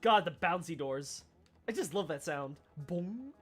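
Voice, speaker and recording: A woman's voice: lowish voice, lively intonation, unhurried, husky, soft background music. A woman chatting casually as she streams a game. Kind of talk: casual livestream chat.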